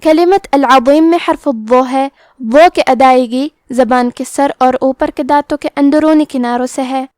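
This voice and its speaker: A woman with a Pakistani Urdu accent teaching Quran recitation rules step by step, explaining each letter plainly and then reciting the words slowly with long drawn vowels. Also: sits high, a little mellow, dry recording, clean studio sound. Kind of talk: tajweed lesson with slow recitation.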